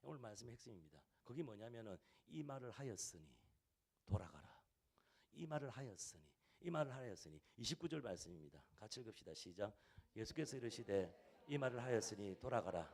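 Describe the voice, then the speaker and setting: A man's voice: on the low side, expressive, a little fast, creaky, a little mellow, breathy edge. A male pastor preaching a sermon in a church service, repeating key phrases with rising and falling emphasis. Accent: Korean.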